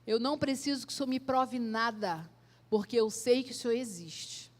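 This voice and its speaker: A woman's voice: fairly high pitch, lively intonation, moderate pace, in a large hall, close to an everyday voice. A woman preacher voicing an earnest young male student praying aloud with rising fervor. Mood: fervent prayer.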